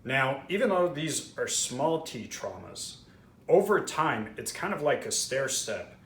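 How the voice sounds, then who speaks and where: A man's voice: mid-range voice, very animated, a little slow, a bit bright. A man from Israel, host of a trauma-healing channel, candidly explaining with frequent fillers and restarts. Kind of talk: earnest explanatory talk to camera. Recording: roomy echo with faint background noise.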